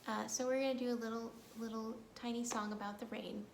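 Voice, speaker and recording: A librarian runs a children's storytime, reciting rhymes and action songs in a playful sing-song and speaking straight to the little ones. Her voice is fairly high and a bit creaky, with fairly even intonation and a fairly quick pace. The room echoes, with faint noise in the background.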